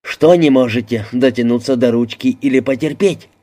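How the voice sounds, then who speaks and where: A man's voice: mid-range voice, normal speed, warm tone, close to an everyday voice. A man voicing a dry, sardonic American man keeping his wits in a crowded toilet. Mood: wry.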